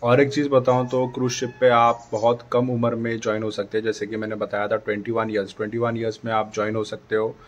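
Speaking quickly with few pauses, a man in his thirties gives advice to his viewers in a flat, fairly low voice. He's a vlogger gesturing a lot in a dim indoor room by a dark door, filmed casually on a phone camera at arm's length. The recording is muffled.

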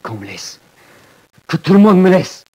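A man's voice: sits high, very animated, a little slow, darkish tone, breathy edge, heavily acted. An actor playing a jealous, violent young male prisoner in a 1940s radio drama, intense and swinging from gloating to pleading. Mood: desperate.

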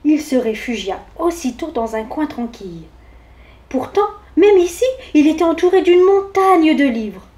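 A woman from France reading a children's picture book aloud for a library, in a clear, expressive, gentle way. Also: high-pitched, normal speed, few pauses. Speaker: children's story reader at a library. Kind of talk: storybook read-aloud for children.

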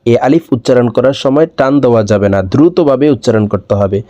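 A man's voice: mid-range voice, animated, fast, warm tone, dull audio. A man teaching the Arabic letters, saying each one twice and then spelling and explaining it. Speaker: Quran teacher. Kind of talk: slow step-by-step recitation lesson.

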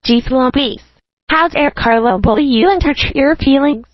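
A woman's voice: high-pitched, unhurried, dry recording, lo-fi sound. A woman's synthetic voice as a protective fussing mom. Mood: indignant. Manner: fussing and indignant. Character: caring protective mother of a crying girl.

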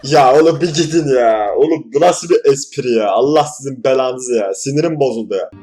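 A young man from Turkey hosting a reaction video, joking, swearing and tossing quick asides. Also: medium pitch, mellow, soft background music. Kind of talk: casual reaction commentary.

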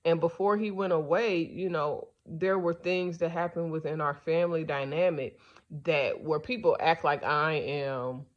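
A woman's voice: low voice, fairly even intonation, measured pace, highs cut off. A woman podcast host giving a casual, rambling monologue, blunt and profane, sleepy and yawning.

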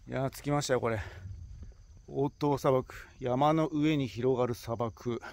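Filming on a handheld phone outdoors on a rocky hillside, a man with a Kansai Japanese accent narrates his hike in a casual vlog, chattering to himself with many exclamations. His mid-range voice is steady, a little slow and slightly mellow, with vocal fry.

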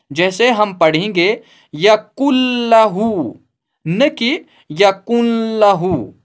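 Slow, high-voiced male recitation teacher. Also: fairly bright tone. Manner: patient, explains slowly, then models recited phrases. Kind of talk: step-by-step recitation lesson.

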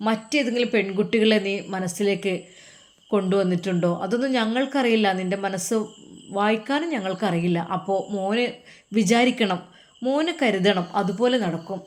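An older foster mother, kindly but insistent, pressing a grown son to say what he wants, as a woman storyteller plays her. Her voice sits a touch higher and louder than the narration, with a pleading, questioning lift. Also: moderate pace, natural voice. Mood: coaxing.

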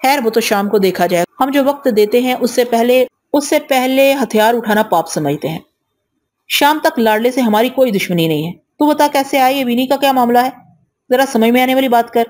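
A coarse, commanding gang boss in an audio novel, read aloud by a woman. He talks down to everyone, gruff and bossy, in a fairly high voice. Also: a little mellow, close to an everyday voice. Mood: domineering.

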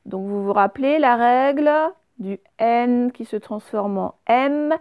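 Woman, primary teacher, slow and patient, letter-by-letter spelling, dry close recording. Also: a little high, clean tone, no room sound, muffled recording. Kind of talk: recorded remote spelling lesson.

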